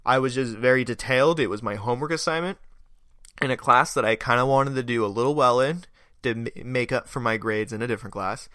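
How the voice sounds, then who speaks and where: A man's voice: medium pitch, pushed and bright, smooth, no room sound, clean studio sound. A young man hosting a podcast, telling a rambling story in a casual way, laughing and swearing now and then. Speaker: podcast host.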